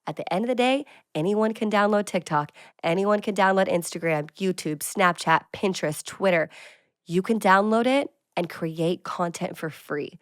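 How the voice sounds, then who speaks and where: A woman in her twenties hosting a casual advice podcast, chatty and bubbly, with quick bursts of excitement. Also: medium pitch, dry recording, clean studio sound. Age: 20s. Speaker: podcast host.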